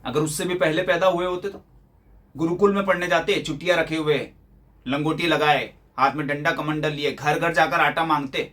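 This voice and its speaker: A man's voice: fairly high pitch, fairly even intonation, moderate pace, a bit bright, close to an everyday voice. A man acting a young office-worker son in a theatrical monologue, complaining with sarcastic rhetorical questions. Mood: exasperated. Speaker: actor performing a monologue.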